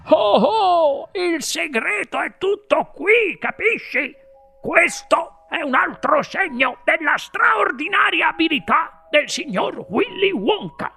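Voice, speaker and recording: A wildly excitable old grandfather who squeaks up into a very high, gravelly register. He drags his words out slowly and bursts into exclamations as if sharing a grand secret. Soft music hums beneath the storybook reading. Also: exaggerated voice. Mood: conspiratorial. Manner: dramatic, exclaiming, drawn-out emphasis. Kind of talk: audiobook character voice.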